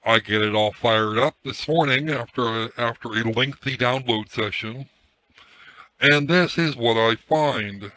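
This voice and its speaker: A hoarse man ranting casually on a live stream through a headset mic, his voice run through a voice changer, irritated and swearing as he repeats himself. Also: mid-range voice, a little slow, bright, forceful tone, poor audio. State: hoarse from screaming. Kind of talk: ranting livestream commentary.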